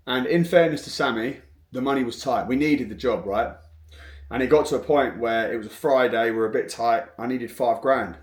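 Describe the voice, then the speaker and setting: Frank, rambling man in an echoey room. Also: medium pitch. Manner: rambling, frank, with many restarts. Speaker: construction business owner. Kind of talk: casual storytelling to camera.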